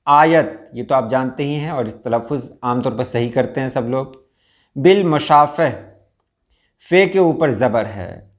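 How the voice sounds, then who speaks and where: Man, language teacher, slow unhurried delivery, mid pitch, methodical. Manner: measured, stresses each word before spelling out its diacritics. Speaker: Urdu pronunciation teacher. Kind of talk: slow explanatory lesson.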